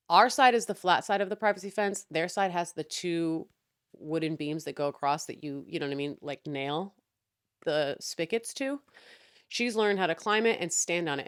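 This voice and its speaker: A young woman rants through a casual story with a chatty, exasperated edge, swearing freely. Her voice sits on the low side. The recording is dry and close, with no room sound. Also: no echo. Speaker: podcast host.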